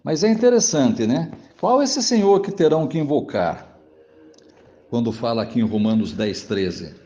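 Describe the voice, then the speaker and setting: A man's voice: mid-range voice, lively intonation, normal speed, warm tone. A man, a Jehovah's Witness answering a pastor in a recorded monologue. He speaks formally to the listener, often adds "né?" to his sentences, and reads scripture passages aloud. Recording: dull, lo-fi audio.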